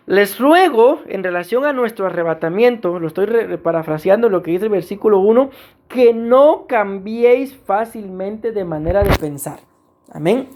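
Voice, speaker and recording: A man's voice: high-pitched, darkish tone, slight background noise. A man with a Costa Rican accent, preaching a sermon as pastor and often calling out to his congregation. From Costa Rica. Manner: preaching, repeatedly addressing the congregation.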